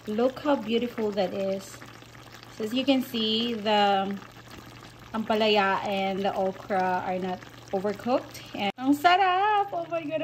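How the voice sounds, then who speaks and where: A woman with a Filipino accent talks her way through a dish at the stove in an unhurried, easygoing rhythm. She is playful and giggly, and she keeps slipping back into Tagalog. Her voice sits a little away from the mic, so it sounds slightly distant. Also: medium pitch, fairly bright tone, slight background noise. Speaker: cooking vlogger. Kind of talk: casual cooking demonstration. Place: home kitchen at the stove, indoors.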